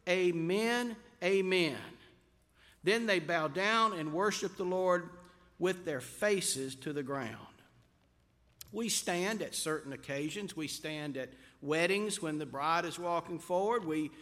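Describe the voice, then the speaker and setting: Slow, high-voiced preaching man. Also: a bit bright, big-room sound. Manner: slow, emphatic preaching with drawn-out words. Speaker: pastor. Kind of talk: sermon.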